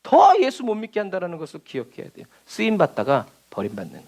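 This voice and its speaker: A man's voice: high-pitched, huge pitch swings, fast talker, darkish tone. A male pastor giving a sermon at a prayer meeting in church, emphatic and full of rhetorical questions.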